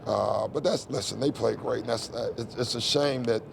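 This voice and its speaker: A man's voice: mid-range voice, moderate pace, creaky, background noise. A man who coaches a team, answering reporters at a postgame press conference in a candid, conversational way, often saying "you know" and "listen". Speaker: head coach.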